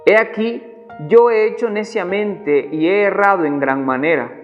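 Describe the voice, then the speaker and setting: High-voiced man preaching in an echoing hall. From Ecuador. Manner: earnest, halting with repeated words. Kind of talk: devotional sermon. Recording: dull recording in a reverberant hall, soft music behind.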